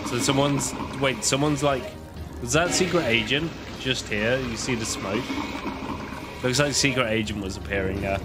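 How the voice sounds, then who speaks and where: A man's voice: medium pitch, normal speed, over loud music. A man in his thirties, groggy and congested from a cold, giving casual reaction commentary as a video host into a close desk microphone. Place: small bedroom studio, indoors.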